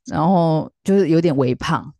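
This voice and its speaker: A woman's voice: deep voice, normal speed, vocal fry, mellow, no echo. A woman, telling a story in a chatty way, full of fillers, and acting out the quoted lines. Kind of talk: casual storytelling.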